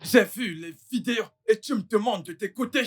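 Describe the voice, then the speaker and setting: A man's voice: high-pitched, moderate pace. An actor dubbing a betrayed, angry man ordering someone out of his house, in a French-language film drama. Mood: bitter. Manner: bitter, commanding.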